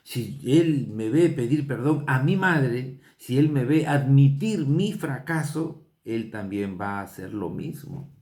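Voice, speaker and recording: A man from Peru preaching a sermon, earnest and unhurried, with rising emphatic bursts. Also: medium pitch, animated, a little mellow, roomy sound. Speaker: pastor.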